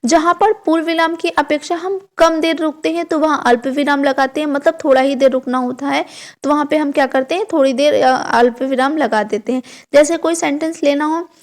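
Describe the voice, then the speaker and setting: A woman's voice: high-pitched, fairly even intonation, fairly quick. A young woman teaching an online grammar lesson for exam students, explaining step by step and asking herself questions before answering, with English words mixed into her speech.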